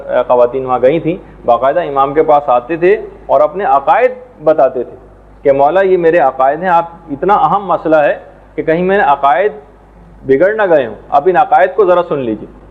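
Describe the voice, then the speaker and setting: A man teaching a religious lesson in a measured, explanatory way, now and then reciting Arabic prayers and verses. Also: on the high side. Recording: tinny phone-like sound.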